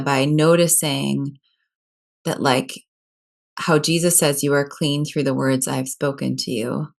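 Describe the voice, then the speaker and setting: Earnest woman with a very low voice. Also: gravelly. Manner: earnest, apologetic, searching for words. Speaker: podcast discussion participant. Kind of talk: casual discussion of scripture.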